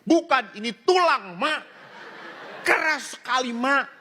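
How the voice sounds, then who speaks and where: A man voicing a small child who whines about tough food, in a high, complaining voice. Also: expressive, slow pace, noisy background, heavily acted. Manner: whiny, high-pitched complaining.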